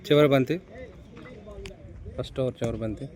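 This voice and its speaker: A man giving excited amateur ball-by-ball cricket commentary on an outdoor ground. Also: medium pitch, moderate pace. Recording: noisy outdoor ground, vehicle and nature sounds.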